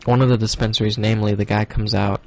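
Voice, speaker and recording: A man's voice: on the low side, level tone, quick pace, muffled recording. A man hosting a casual stoner podcast, talking in a loose, rambling, profane way with lots of fillers. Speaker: podcast host.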